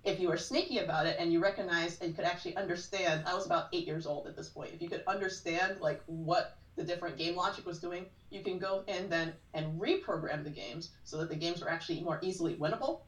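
Talking fast with few pauses, a fortysomething woman in a fairly low voice tells stories as a podcast guest, saying "like" a lot in casual chat. She sounds distant from the mic in a roomy space.

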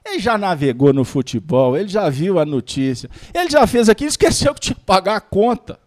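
A man giving a lively Spiritist study talk, joking and acting out little scenes as he teaches. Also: high-pitched, brisk. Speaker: lecturer of a Spiritist study group.

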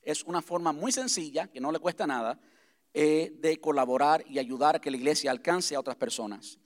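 A man speaking as pastor to his congregation in a church, talking conversationally and repeating key points slowly. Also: fairly high pitch. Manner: conversational, repeats himself, slows to spell things out. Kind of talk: church vision address to congregation. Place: church sanctuary.

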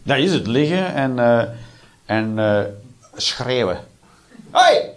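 Animated stand-up comedian, man. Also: medium pitch, slow. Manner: deadpan dark jokes mixed with sudden shrieking voices.

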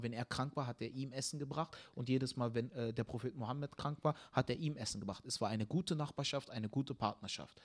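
A young man, a comedian hosting the show, chatting casually and telling a story with animated energy, getting loud when riled. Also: medium pitch. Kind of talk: casual chat.

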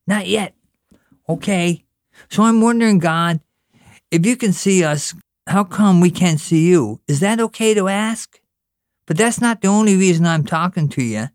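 An unhurried reader performs fiction aloud, voicing an earnest little boy who pleads and asks questions as he prays and bosses his little brother around. The high, childlike, pleading voice is close to an everyday voice, recorded dry at studio quality.

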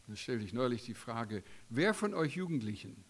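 A man preaching a sermon in an emphatic way, his voice swinging from loud high peaks down to quiet low endings. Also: very animated, moderate pace.

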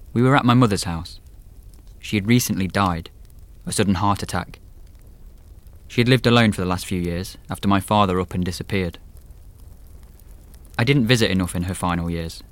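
A wry man in his late twenties, acted by a male narrator, tells a first-person horror podcast tale. He is conversational and dry, with a slightly low pitch. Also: close to an everyday voice. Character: Rob, wry sardonic twenty-nine-year-old man telling his story.

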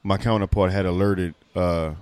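A man in his thirties co-hosting a podcast in loose, rambling casual chat, loud and quick to laugh. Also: sits low, flat delivery, clean tone, no room sound. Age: 30s. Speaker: podcast co-host.

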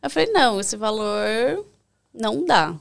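Give me an animated young woman with a slightly high voice, guesting on a podcast and retelling a story with lots of laughs. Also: a little slow, gravelly. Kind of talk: casual storytelling chat.

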